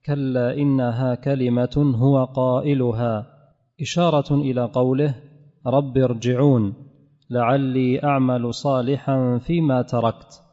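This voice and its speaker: A man reads a commentary aloud in a steady, careful way during a lesson. His voice is dark and warm. The recording is muffled, with long hall reverb. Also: medium pitch. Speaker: student reading the commentary aloud. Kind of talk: formal reading aloud.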